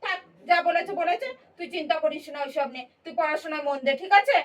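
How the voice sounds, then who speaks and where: A woman's voice: very high voice, fast talker, far from the mic, muffled recording. A woman playing a protective, pleading mother. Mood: reassuring. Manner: soothing, pleading, defensive. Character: protective mother of grown son. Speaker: mother in family skit.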